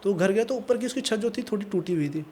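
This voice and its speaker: A man with a Pahari Hindi accent telling a spooky tale on a podcast mic, casual and animated. His voice sits high but sounds warm and mellow, with a faint hiss of background noise. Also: fast. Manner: animated, conversational, acts out voices. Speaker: storyteller guest. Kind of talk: casual horror storytelling.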